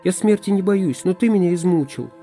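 A woman's voice: medium pitch, a little fast, mellow, faint music behind, voice pushed up, lightly acted. A man voicing a passionate young forest woman, pleading and intense in an audiobook. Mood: longing.

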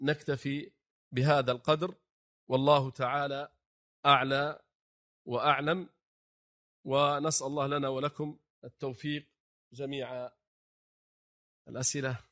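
A sheikh teaching a religious class, speaking slowly and deliberately, often asking his students rhetorical questions. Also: a little high, fairly bright tone. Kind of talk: religious lesson on the call to prayer.

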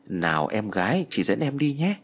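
A seductive female demon speaks in a cold, coaxing sweetness, as a man reads her in a storybook ghost tale. The voice sits low and husky and moves with lively swings of pitch. Faint music plays underneath. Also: moderate pace.

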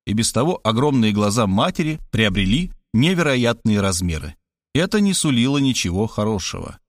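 A man reading a first-person audiobook with a wry, expressive delivery. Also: mid-range voice, normal speed, dry recording, studio quality. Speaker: audiobook narrator.

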